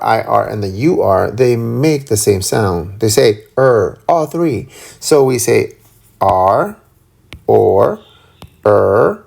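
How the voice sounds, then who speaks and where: A man teaching a phonics lesson, slowly sounding out letter sounds and drawing them out. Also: medium pitch, vocal fry, darkish tone. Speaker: reading teacher.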